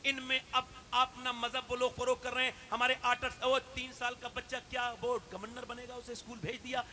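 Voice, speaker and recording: A man preaching an impassioned sermon, telling stories in a hushed voice and rising to loud, shouted appeals with questions to the audience. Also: very high voice, level tone, a little hiss or hum. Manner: swings from hushed storytelling to loud shouted exhortation.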